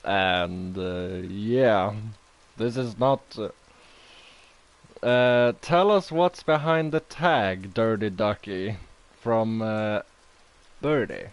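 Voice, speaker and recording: A man hosting a casual stream interview, hesitant and filling pauses with ums and okays. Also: fairly low pitch, smooth, dull audio. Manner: hesitant, many fillers, lots of okays. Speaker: host interviewing players.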